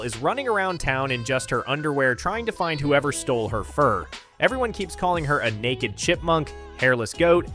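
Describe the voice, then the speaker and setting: A man's voice: mid-range voice, fairly bright tone. A man narrating a scripted cartoon breakdown with a sarcastic, incredulous tone.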